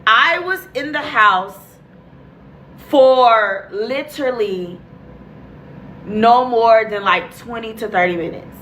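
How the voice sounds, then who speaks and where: Young woman, storytime vlog, blunt and profane, bright voice, a bit high. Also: slow, long pauses, a little hiss or hum, rough recording. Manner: blunt, profane and chatty, acting out her own reactions. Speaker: vlogger telling a storytime. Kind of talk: casual storytelling.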